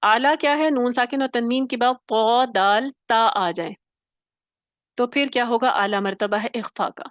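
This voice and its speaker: In an online class, a woman with a fairly high, steady voice teaches Quran recitation, explaining each point patiently and often checking in with students. She speaks at a moderate pace, close and dry on the mic, with no echo or room sound.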